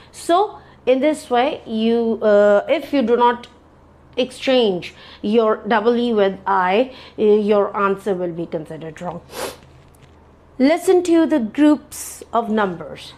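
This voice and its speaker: A woman gives a lecture as an English test teacher, speaking slowly and a little higher than most. She fills pauses with "uh" and "um" and corrects herself often. She repeats her key points to make them stick. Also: expressive, darkish tone. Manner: many fillers and self-corrections.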